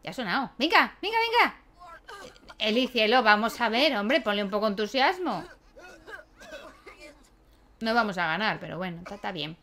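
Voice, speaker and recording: The gaming YouTuber, a young woman, is medium-pitched, brisk, and pushed and bright, pausing often over a little hiss or hum. She laughs a lot while chatting casually with her characters in a life-sim game.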